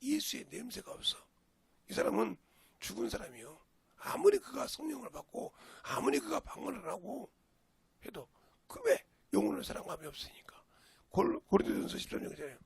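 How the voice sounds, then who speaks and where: A man's voice: extremely high pitch, very animated, a little fast, gravelly, in a whisper. An older man with a Jeolla Korean accent, a pastor preaching a folksy, storytelling sermon with sudden emphatic rises. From Jeolla region, Korea.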